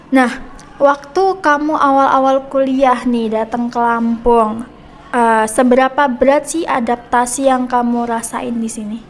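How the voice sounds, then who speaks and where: A woman's voice: high voice, a little hiss or hum. Chatty young woman hosting a podcast. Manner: chatty, friendly prompting with many hmm and nih fillers. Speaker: podcast host. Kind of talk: casual podcast interview.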